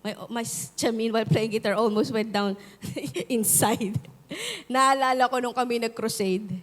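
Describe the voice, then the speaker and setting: Filipino woman pastor, lively call-and-response sermon, high pitch, long church-hall reverb. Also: a little slow. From Philippines. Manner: mixes Tagalog and English, animated storytelling with call-and-response.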